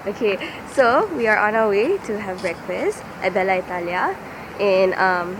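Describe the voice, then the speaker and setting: A young woman, talking to a handheld camera outdoors in a bubbly, excitable way. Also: mid-range voice, normal speed, background noise. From Malaysia. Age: 20s. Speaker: vlogger. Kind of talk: vlogging on the go. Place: outdoors in a city and park. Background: music.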